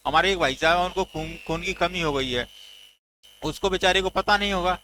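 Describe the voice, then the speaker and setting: A man with a bright, high-pitched voice teaches a general knowledge class, spinning jokey stories and acting out short dialogues to help students remember facts. His tone is lively and forceful, and a faint hiss sits under the recording. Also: a little fast, poor audio. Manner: playful storytelling with mnemonic jokes, acted dialogue. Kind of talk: memory-trick general knowledge lesson.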